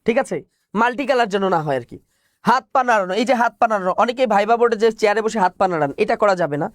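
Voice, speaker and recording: A man's voice: high-pitched, very fast, dry recording, studio quality. A male teacher giving an online exam-prep class, explaining point by point, repeating key phrases and answering his own questions.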